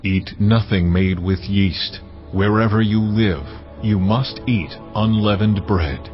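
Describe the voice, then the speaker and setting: The voice of God issues measured, authoritative decrees. The tone is low and steady. Music plays beneath on a slightly dull track. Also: male voice. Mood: solemn. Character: solemn, commanding voice of God. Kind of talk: dramatized scripture reading. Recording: dull audio over music.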